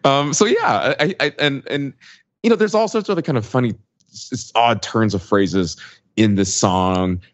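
Chatting informally on a podcast panel, a man in his forties gives his opinions at a moderate pace in a medium-pitched voice. The sound is very dry, with no room sound, and has a dull lo-fi character.

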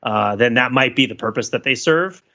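An American man co-hosts a podcast over a call, riffing in a rambling, casual, joking group discussion. His mid-range voice moves at a moderate pace with a bright, forceful tone, though the recording sounds muffled.

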